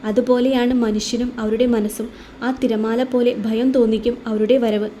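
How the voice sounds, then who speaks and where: A woman reading a romantic story aloud with steady, expressive narration. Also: on the high side, normal speed, a little hiss or hum.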